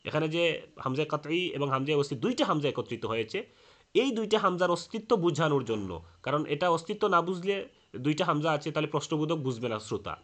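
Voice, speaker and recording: A man's voice: a little high, expressive, fast, a bit bright. A man teaching a lesson on Quran recitation rules, explaining step by step with frequent "ah" fillers and restarts.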